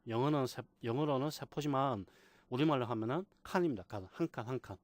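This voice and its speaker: A man teaching a software class, patiently repeating key terms and asking rhetorical questions. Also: mid-range voice, brisk, no room sound. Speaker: computer instructor. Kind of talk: screen-recorded software tutorial.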